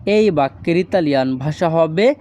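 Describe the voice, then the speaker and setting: A man teaching a spoken language lesson, saying foreign phrases slowly and breaking them down word by word. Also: on the high side, lively intonation, warm tone. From Bangladesh.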